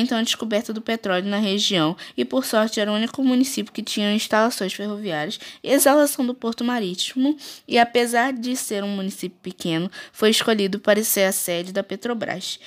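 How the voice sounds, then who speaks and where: A woman presents a school geography podcast, reading her script in short phrases. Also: medium pitch. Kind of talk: read-aloud school presentation.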